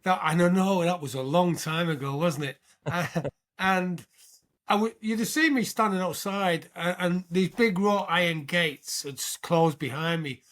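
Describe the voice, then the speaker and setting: A British military veteran in his sixties appears as a podcast guest on an interview show, telling his story in a high-pitched voice. He speaks a little slowly but animatedly, often checking in with the listener.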